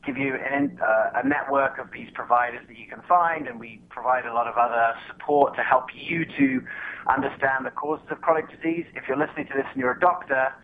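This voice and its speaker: A man's voice: medium pitch, a little fast. A man in his thirties from England, a guest answering interview questions in a casual, hesitant way with many fillers and restarts. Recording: tinny phone line with faint noise.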